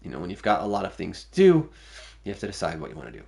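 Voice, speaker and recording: A low-voiced man with a gravelly edge chats casually while streaming a game. He muses aloud, weighing one choice against another as he plays. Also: huge pitch swings, racing, mellow. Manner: musing aloud, thinking through choices. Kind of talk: casual gameplay commentary.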